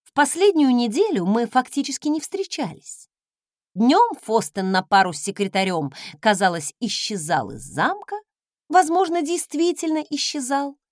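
A woman narrating an audiobook in the first person, her fairly high voice swinging widely in melody. She tells the story with expressive, wry irony. The recording is dry and close, with no trace of a room. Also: no room sound.

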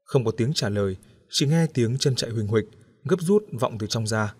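A man's voice: mid-range voice, normal speed, slightly rough. Man narrating an audiobook story. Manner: steady, even storytelling.

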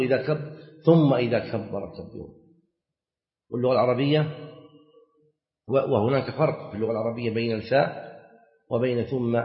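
A man, a sheikh, teaches a fiqh lesson at a mid pitch. He repeats each key phrase and throws questions to his students. The long echo of a big hall and a dull, lo-fi recording surround his voice. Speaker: sheikh teaching Islamic jurisprudence. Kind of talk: classroom lesson explaining a fiqh text. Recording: echoey hall, dull lo-fi sound.

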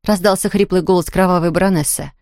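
A woman narrating a children's audiobook in a lively, expressive reading style. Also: lowish voice, fast, no room sound, clean studio sound. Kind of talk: scripted storytelling narration.

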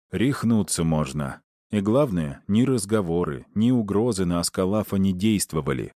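A man narrating an audiobook in a lively storytelling manner. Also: deep voice, dry recording, studio quality.

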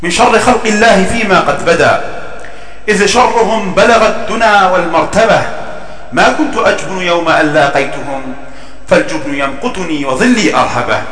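Echo-drenched man declaiming classical verse, high-pitched. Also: lively intonation, a bit bright. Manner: formal, emphatic, measured declamation. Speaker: poet reciting his own verse. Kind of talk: declamatory classical poetry recitation. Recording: echoey, long reverb, distant from mic.

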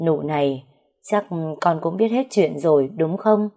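A woman voicing a cunning older mother-in-law who coaxes and warns in a low, even tone. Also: measured pace. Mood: stern. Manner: coaxing then threatening.

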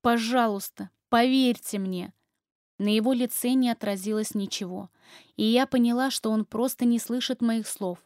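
A woman narrating a romance novel in the first person, in an intimate, expressive reading. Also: on the high side, normal speed, dry recording, clean studio sound. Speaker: audiobook reader.

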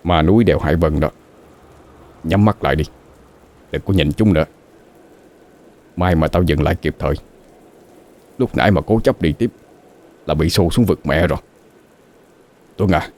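A man voicing a frightened middle-aged truck driver who speaks in a hoarse, trembling whisper and gives hushed, urgent orders. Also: deep voice, moderate pace, pauses often, close to an everyday voice. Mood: terrified, urgent.

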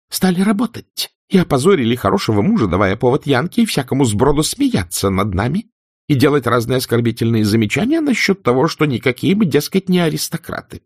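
Man doing an icy spinster woman, cold contempt, raised husky voice, dry sound. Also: mid-range voice, a little mellow, no echo, voice pushed up. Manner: icy, trembling with anger.

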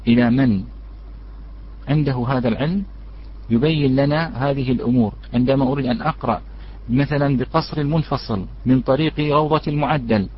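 A man teaching a religious lesson on recitation rules, addressing his listeners as brothers and asking them questions before answering. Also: medium pitch. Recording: dull lo-fi recording.

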